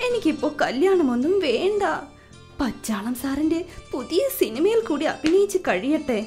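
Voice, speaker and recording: A woman's voice: high-pitched, big pitch swings, normal speed, darkish tone. A woman voicing a spoiled young actress daughter who talks in a breezy, dismissive way, heard a bit distant with faint music.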